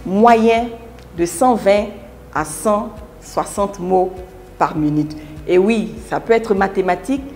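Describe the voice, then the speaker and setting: A woman giving a public speaking lesson in scripted narration, deliberate, with emphatic pauses and big shifts between loud and soft. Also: on the low side. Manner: deliberate, with emphatic pauses and wide swings in loudness.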